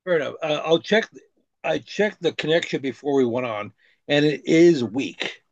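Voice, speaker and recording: A man's voice: fairly high pitch, animated, normal speed, no room sound. A man co-hosting a political talk stream over a laptop call, hesitant and restarting his words, his audio choppy and cutting in and out over a weak connection. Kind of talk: casual political commentary. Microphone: laptop over a video call. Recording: dull lo-fi online call audio.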